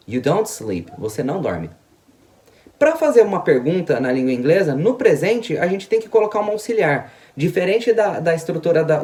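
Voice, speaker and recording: Lively Brazilian English teacher. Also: medium pitch. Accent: Brazilian Portuguese. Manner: tags lines with "ok?" and "né?"; says example sentences slowly and repeats them. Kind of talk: grammar lesson for Portuguese speakers.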